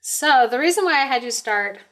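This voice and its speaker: A woman's voice: high-pitched, lively intonation, brisk, fairly bright tone. A woman co-hosting a podcast, chatting casually and searching for words as she explains. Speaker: podcast co-host. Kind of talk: casual chat.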